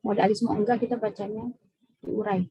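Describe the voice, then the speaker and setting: A woman's voice: mid-range voice, little pitch movement, fast talker, dark tone, breathy edge, no echo, muffled recording. A woman teaching a tajwid lesson in a mosque class, patient and repetitive, often checking in with her listeners. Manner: patient, repeats points with frequent "ya" checks. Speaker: Quran recitation teacher.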